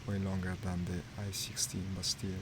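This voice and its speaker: Over noisy stream audio, a man gives dry play-by-play while flying in a simulator, mostly muttering to himself. He speaks in a deep monotone at a moderate pace.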